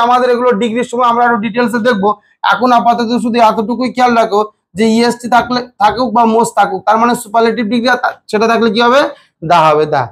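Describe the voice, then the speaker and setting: A male teacher giving a grammar lesson. He asks the class questions, answers them himself, calls his students "babu" affectionately, and draws words out slowly to spell them or count syllables. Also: extremely high pitch. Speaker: English teacher.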